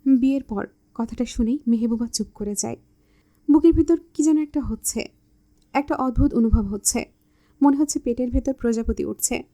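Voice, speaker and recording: Calm woman narrating a story. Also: on the high side, moderate pace.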